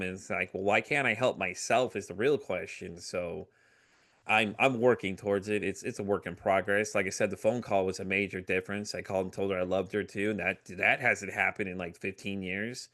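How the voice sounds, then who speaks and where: A middle-aged man with a fairly low voice, speaking openly as a podcast guest. He tells his story in an animated way, full of fillers and little acted-out quotes of other people. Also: fairly quick. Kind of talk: candid conversational storytelling.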